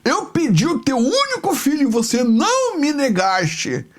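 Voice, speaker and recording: A man's voice: extremely high pitch, wildly swooping pitch, measured pace, voice pushed up, exaggerated voice. A man voicing God, speaking in a solemn, proclaiming tone from heaven. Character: commanding God calling from heaven.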